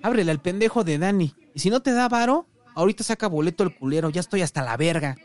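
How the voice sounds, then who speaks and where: A man voicing a foul-mouthed, short-tempered crippled male dealer, harsh and full of shouted curses. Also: mid-range voice, lively intonation, fast talker, natural voice. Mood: yelling furious. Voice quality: harsh, cursing, shouting bursts.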